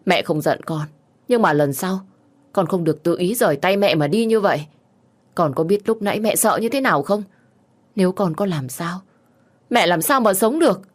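A woman's voice: sits low, fairly quick, darkish tone. A woman voicing a young single mother who is protective and strained, shifting from scolding to tearful pleading. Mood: upset.

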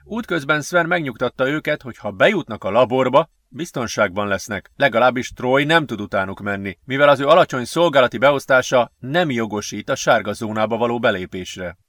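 A man narrates a science-fiction adventure book in a steady, measured storytelling voice. His pitch is middling and plain. The recording is dry and close, with no room sound. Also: dry recording. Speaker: audiobook narrator. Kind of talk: scripted narration.

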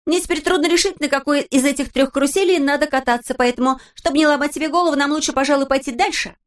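A woman's voice: high-pitched, fast talker, pitched above the performer's own voice, close to an everyday voice. A woman reading aloud, voicing a bold, impulsive, tender-hearted girl in exclamations that turn tearful. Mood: excited. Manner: excited, emphatic, tearful exclamations.

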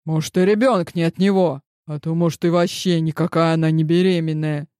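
A woman reading an audiobook voices a brash, scheming, foul-mouthed woman friend who talks fast and bluntly, dry and close. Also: low-pitched, fairly even intonation, mellow, clean tone, no echo, lightly acted.

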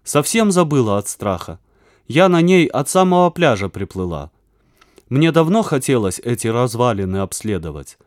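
A man's voice: mid-range voice, very animated, moderate pace, no echo, studio quality, lightly acted. A man doing a plucky young schoolgirl. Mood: brisk. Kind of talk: audiobook character voice.

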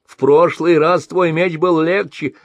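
A man voicing a greedy, wheedling old blind merchant who whines and complains in a shrill, raised voice. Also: fairly even intonation, measured pace, no echo. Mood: whining.

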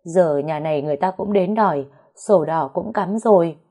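A woman's voice: fairly low pitch, normal speed, mellow, breathy edge. A woman voicing an older mother who is crying over her family's ruin. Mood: distraught.

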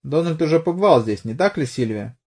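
A man's voice: fairly high pitch, animated, brisk, darkish tone, husky, pitched above the performer's own voice. A man playing a blunt, mocking police detective who presses a witness, in an audiobook. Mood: probing. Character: pushy sarcastic middle-aged police detective.

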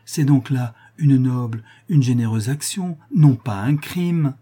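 A man's voice: mid-range voice, measured pace, mellow, slightly rough. A man reading aloud, voicing a scheming aristocratic woman who pleads and persuades. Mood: insistent. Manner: pleading then coldly threatening.

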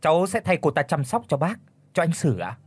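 A man voicing a brash young scheming secretary in a spoken story, stammering at times, with a husky voice. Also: on the high side, big pitch swings, a little fast, dry recording, pitched above the performer's own voice. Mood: cheeky. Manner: stammering, then cheeky.

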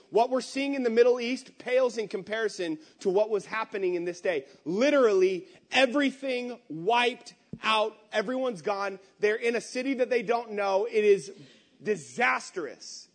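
A man pastor preaching a conversational sermon, animated and candid, swinging between loud emphatic bursts and quiet asides. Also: sits high. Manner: candid venting tone.

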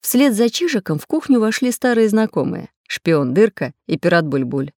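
Casting: warm-lively storybook narrator, woman, close dry studio sound. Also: medium pitch, moderate pace, no echo. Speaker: audiobook narrator. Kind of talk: fairy tale narration.

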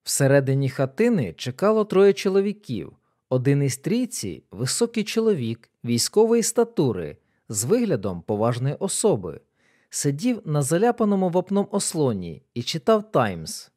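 Lively man reading a story aloud. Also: fairly high pitch, normal speed. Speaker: audiobook narrator. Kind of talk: scripted narration.

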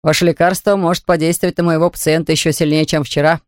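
A woman voicing a courteous middle-aged male doctor in an audiobook reading, speaking in a measured, gently wry way. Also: low-pitched, level tone, no room sound, clean studio sound, lightly acted.

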